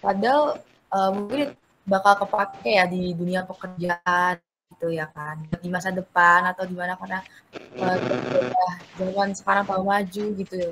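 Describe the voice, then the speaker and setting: A woman's voice: lowish voice, moderate pace, noisy background. A young woman hosting a casual podcast, chatty and friendly as she asks questions. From Indonesia. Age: young adult. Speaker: podcast host.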